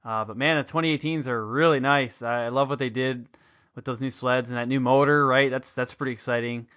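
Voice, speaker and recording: A man hosts a podcast in a friendly, easygoing way, quick to laugh and full of fillers. His voice is bright, and the recording sounds a bit dull and lo-fi. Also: medium pitch, steady tone. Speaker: podcast host. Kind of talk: casual podcast interview.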